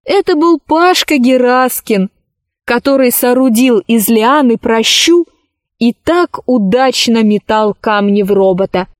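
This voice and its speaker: Slow, deliberate woman reading a story. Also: fairly high pitch, lively intonation, no room sound, studio quality. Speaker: narrator. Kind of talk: reading a children's story aloud.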